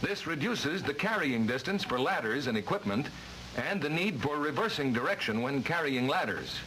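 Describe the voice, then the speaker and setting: A noisy vintage film soundtrack carries an American man narrating in 1950s instructional style. His voice is bright and forceful, with lively, swinging intonation. He reads formally and emphatically, like a scripted training lesson. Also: on the high side, moderate pace.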